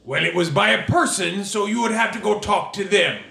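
A man's voice: high-pitched, fairly quick, vocal fry, pushed and bright, heavily acted. A man voicing a stubborn male dwarf cleric with a pirate-style voice. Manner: stubborn, defiant. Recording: echoey room, faint noise.

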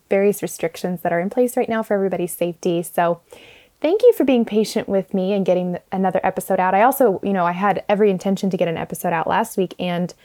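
Muffled, mellow-voiced woman podcasting. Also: mid-range voice. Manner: thoughtful, many fillers and restarts. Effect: muffled audio from a fallback microphone. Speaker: podcast host and speech-language pathologist. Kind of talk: casual reflective monologue.

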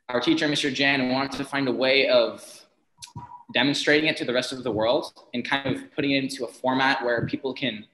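A male student explains his work at mid pitch, leaning on fillers like "basically" and "uh." The room around him adds a clear echo. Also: sharp tone, a little hiss or hum. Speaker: student guest. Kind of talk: casual interview answer.

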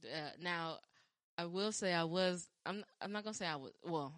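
Woman, low and mellow, casual rambling chat with restarts, dry close sound. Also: normal speed, no echo. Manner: rambling, with frequent restarts and filler; acts out quoted lines with lively pitch jumps. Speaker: podcast talker sharing dating stories.

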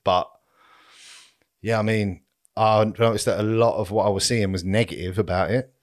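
A fairly low-voiced man with a southern English accent. He co-hosts a casual podcast, chatting and bantering in a matey, blokey way. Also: steady tone, moderate pace. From Britain. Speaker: podcast co-host.

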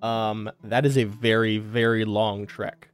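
A man running a tabletop game as game master, talking in a halting way with many pauses and restarts. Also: on the low side, level tone, clean tone, faint music behind. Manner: halting, lots of ums and restarts.

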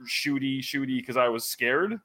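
A man's voice: mid-range voice, unhurried. A man in his forties, a wrestling commentator, telling stories animatedly in a casual podcast chat. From Canada. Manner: animated storyteller, laughs often.

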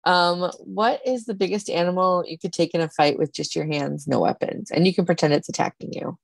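A woman's voice: lowish voice, fairly quick, vocal fry. A woman hosting a casual podcast interview, easygoing and asking playful questions. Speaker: podcast host.

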